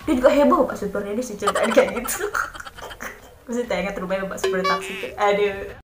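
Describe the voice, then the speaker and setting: A woman's voice: mid-range voice, brisk, heavy background noise. A young woman from Lombok, Indonesia, casually telling a story to her vlog audience and acting out the voices of the people in it. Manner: animated, acts out quoted voices. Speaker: vlogger. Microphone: phone camera. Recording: echoey room.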